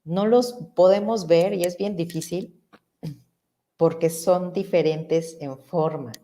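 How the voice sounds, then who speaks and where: A woman's voice: on the low side, takes it slowly, mellow. A middle-aged woman psychologist, explaining ideas in a reflective way and asking rhetorical questions. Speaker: psychologist guest. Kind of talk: conversational explanation.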